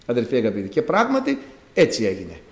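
A man preaching a sermon, retelling a Bible story in an animated way and acting out the characters' words. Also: mid-range voice. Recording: echoey room.

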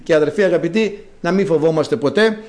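A man preaching a sermon, reading a psalm in a measured way and then speaking to his listeners with rising, emphatic outbursts. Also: on the high side, darkish tone. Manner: addresses listeners as beloved brothers.

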